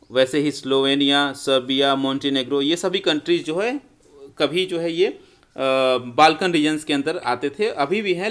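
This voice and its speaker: A man's voice: medium pitch, a bit bright. A male teacher, giving an explanatory history lecture and often calling his students friends. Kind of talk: classroom lecture.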